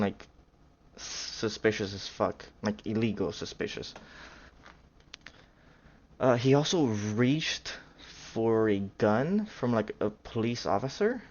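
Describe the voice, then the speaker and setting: The recording is muffled as a medium-pitched reaction streamer talks over a video. He rambles casually, second-guesses himself, corrects himself and leans heavily on fillers.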